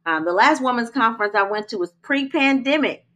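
A chatty woman co-hosting a podcast who talks straight to her listeners, calling them y'all. Her voice sits a little high and stays conversational and relaxed. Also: fairly quick. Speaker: podcast co-host. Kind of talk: casual podcast chat.

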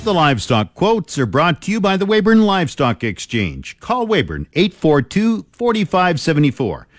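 A man's voice: fairly high pitch, wildly swooping pitch, moderate pace, dry recording, faint music behind. Radio newsman, dry studio sound. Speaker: radio farm news presenter. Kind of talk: scripted radio news and market reading.

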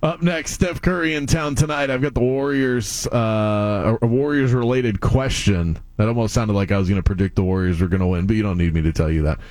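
A man's voice: on the low side, a little mellow, no room sound. Teasing, upbeat sports talk host man. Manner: teasing, upbeat, quick questions. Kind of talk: casual sports chat.

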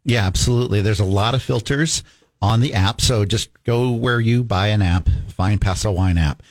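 Man, radio guest, enthusiastic, low voice, dry studio. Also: moderate pace, no echo. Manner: upbeat, promotional. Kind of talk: casual radio chat.

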